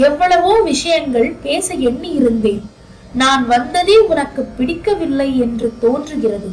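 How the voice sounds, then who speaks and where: A proud young crown prince, put on by a woman reading a novel aloud speaks slowly, in a voice dropped lower than her own. He talks through a pet deer rather than to the woman he loves. Faint music plays underneath. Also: darkish tone, rough recording. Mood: wounded. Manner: teasing then pleading, addresses her through the deer.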